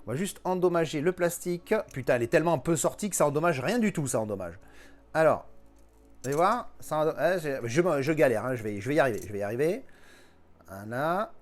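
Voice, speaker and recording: A man's voice: a little high, fast. A man casually chatting through an unboxing vlog, jokey and a little profane, talking while he handles and opens the packaging. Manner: jokey, animated, casually swearing. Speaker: collector unboxing a film edition.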